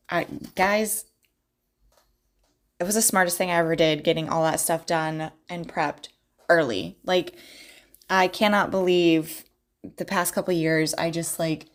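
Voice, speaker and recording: A young adult woman talking casually while she goes through her planner, rambling with lots of fillers and giggles. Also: on the low side. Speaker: planner vlogger and balloon entertainer. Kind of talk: casual chatty narration.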